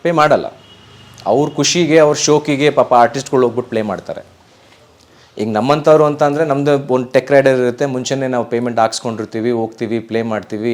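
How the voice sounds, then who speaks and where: A man's voice: mid-range voice, a little mellow. A man from Karnataka, a professional DJ, talking earnestly and emphatically in a casual interview, often urging listeners. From Karnataka, India. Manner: earnest, emphatic, repeats pleas.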